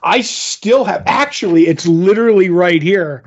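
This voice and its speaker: High-voiced man in his fifties telling rambling stories. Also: a little slow, highs cut off. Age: 50s. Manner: rambling storyteller, acts out quoted exchanges, laughs easily. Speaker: podcast co-host. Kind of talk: casual chat.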